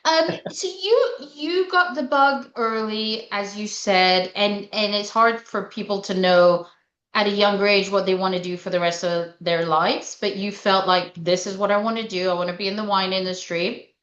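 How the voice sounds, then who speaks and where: A woman's voice: medium pitch, normal speed, fairly bright tone, roomy sound, lo-fi sound. A woman sommelier hosting a casual interview, chatty and enthusiastic, with lots of fillers, over a video call. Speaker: sommelier host.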